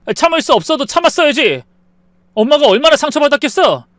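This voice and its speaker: Brief: woman voicing spineless husband siding with his mother, pleading tone, lively pitch, dry. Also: quick pace, no echo. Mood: placating. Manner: pleading, exasperated. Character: weak-willed young husband, placating his mother.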